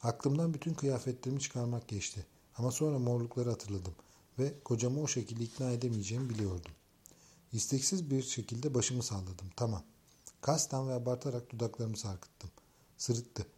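A man reading a novel aloud in scripted first-person narration, with an even, measured delivery. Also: mid-range voice. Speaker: audiobook narrator.

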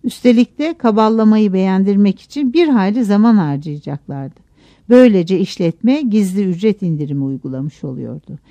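A woman narrating a novel aloud in a measured, expressive audiobook reading. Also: mid-range voice, lo-fi sound.

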